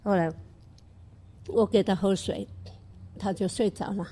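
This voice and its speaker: An older woman giving a personal faith testimony in an earnest, halting way, with frequent restarts and fillers. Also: medium pitch, fairly even intonation, warm tone. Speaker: church member giving testimony.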